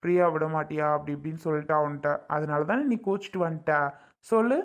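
A woman playing a caring older brother who questions his sister slowly and gently. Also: deep voice, lightly acted. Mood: gentle.

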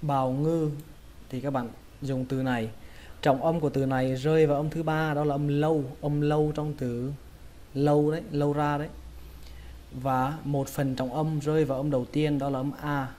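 A man teaching English pronunciation in a casual lesson, repeating each word slowly and carefully. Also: fairly high pitch, flat delivery, dark tone, slight background noise. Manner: slow, drawn-out repetition of words.

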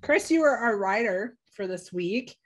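A woman's voice: medium pitch, animated, measured pace, slight background noise. Stuffy-nosed cheerful woman hosting Bible study. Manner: cheerful, laughs easily. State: stuffy, nasal from a cold. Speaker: church ministry director hosting a Bible study. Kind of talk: casual Bible study discussion with prayer.

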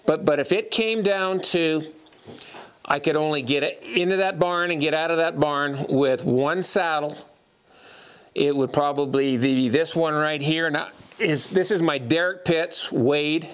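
A man's voice: a little high, measured pace, clean tone. A man in his fifties, a horseman showing his gear in a casual, folksy way, often repeating his first words, recorded on a lapel mic in an indoor tack room. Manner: folksy, repeats words when starting sentences. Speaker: horseman and teacher. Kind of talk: casual show-and-tell.

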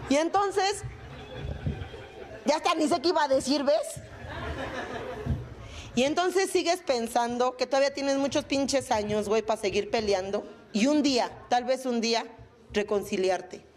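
A woman's voice: sits high, moderate pace, long pauses, crowd noise. A woman with a Mexican Spanish accent giving a testimony talk to a recovery group, crude and joking and full of slang. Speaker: speaker sharing at a recovery meeting.

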